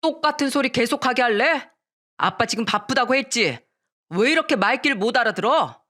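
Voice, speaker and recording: A woman's voice: fairly high pitch, lively intonation, a little fast, sharp tone, pitched above the performer's own voice. A woman voicing a lazy, surly middle-aged husband who talks in a curt, dismissive grumble. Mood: irritated.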